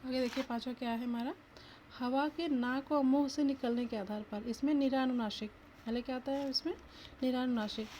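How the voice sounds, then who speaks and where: A woman's voice: sits high, fairly even intonation, moderate pace, warm tone, slight background noise. A woman teacher giving an exam-prep lesson, asking the viewer questions and sounding out each letter aloud.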